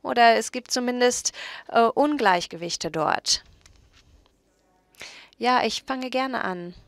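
A woman working as a simultaneous interpreter at a conference panel, relaying several speakers in a steady voice and often correcting herself mid-phrase. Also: on the high side, slow, creaky, dry recording.

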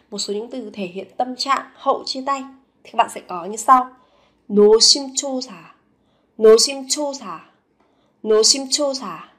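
Woman teaching Korean phrases slowly. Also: on the high side. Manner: slow, careful repetition of each phrase. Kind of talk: language lesson, repeating phrases and explaining.

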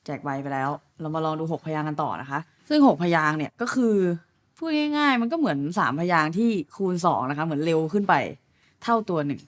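A woman's voice: low-pitched, big pitch swings, quick pace. A young woman in her twenties explaining drum fills step by step, polite and patient, counting beats aloud. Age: young adult. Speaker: drum teacher. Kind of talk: relaxed video lesson.

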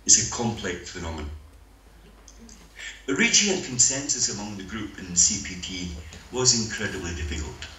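An older Scottish man speaking by video link at a conference, lecturing in a measured, dryly humorous way. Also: sits low, bright, forceful tone. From Scotland. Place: meeting room, voice played over speakers. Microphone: video call. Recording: roomy hall with faint noise.

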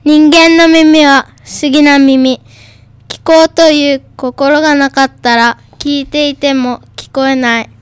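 A woman's voice: high-pitched, steady tone, unhurried, no echo. A young girl, a radio guest, reading a poem aloud with shy care.

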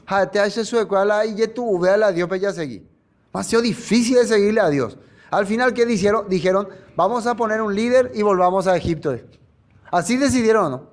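A male preacher giving a sermon Bible study, often tossing rhetorical questions to his listeners and dropping his voice for emphasis. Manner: dramatic pauses, sudden drops in pitch.

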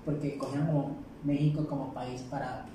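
Mellow podcast host, distant and echoey. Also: male voice, medium pitch, flat delivery, brisk. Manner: asks easygoing, prompting questions. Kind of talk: casual chat. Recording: roomy echo, distant mic, noisy.

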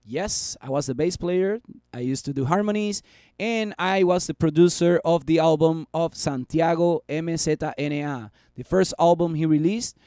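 Seated at a desk in a small room, a thirty-something man streams live commentary on stock charts, cheerfully chatting through viewer comments. His fairly high, mellow voice runs at normal speed and sounds strained, as though he's losing it from so much talking. The recording is dry and studio-clean.

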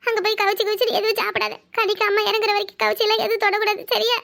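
Woman voicing a cartoon mother-in-law, very high, bright, rapid, southern Tamil Nadu accent, bossy and tender. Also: little pitch movement, vocal fry, full character voice. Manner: bossy, fast, scolding yet tender. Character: fussing caring older village mother-in-law. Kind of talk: cartoon voice acting.

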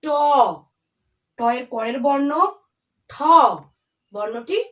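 A woman teaching young children the consonants, reciting letters and rhymes slowly and carefully in a drawn-out sing-song. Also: a little high, a little mellow, distant mic. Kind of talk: children's alphabet lesson.

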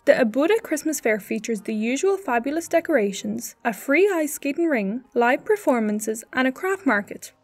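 A woman's voice: sits high, animated, moderate pace, hardly any pauses, no room sound, faint music behind. A woman host reading a polished, upbeat scripted travel narration as a voice-over.

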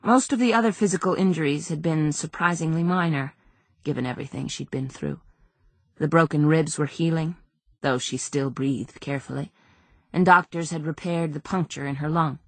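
Low, husky woman narrating. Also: moderate pace, no echo. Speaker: audiobook narrator. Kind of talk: scripted narration.

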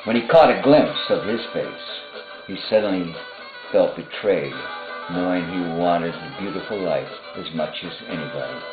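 Deep-voiced man reading his novel, tinny. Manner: unhurried, pausing, with asides to himself. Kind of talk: casual reading aloud of a novel. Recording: tinny phone-like sound in an echoey room. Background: music.

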